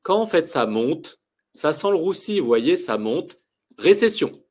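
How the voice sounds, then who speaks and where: A man explaining market indicators to viewers, with lively, emphatic delivery and rhetorical questions. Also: a little high, a little slow. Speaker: finance educator.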